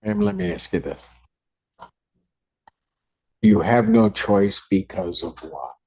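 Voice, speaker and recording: A man serving as judge in a court hearing, speaking carefully and apologetically with many pauses and restarts. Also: low-pitched, wildly swooping pitch, creaky, a little mellow, slightly rough, muffled recording. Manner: apologetic, measured.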